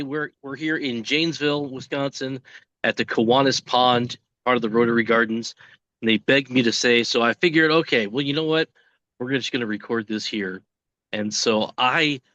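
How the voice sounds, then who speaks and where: A man's voice: medium pitch, sharp tone, no room sound, muffled recording. A man hosting a podcast interview, chatting in a folksy, joking way from outdoors by a pond. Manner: folksy, joking, with frequent restarts. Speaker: podcast host. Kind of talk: casual interview chat.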